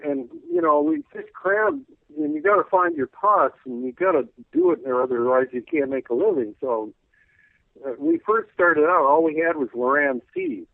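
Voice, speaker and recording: A man calling in as a radio guest, rambling folksily with lots of "you know," clearing his throat as his voice wears out. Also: a little high, huge pitch swings, moderate pace, no echo. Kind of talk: casual call-in radio interview. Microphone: telephone. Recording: tinny phone line.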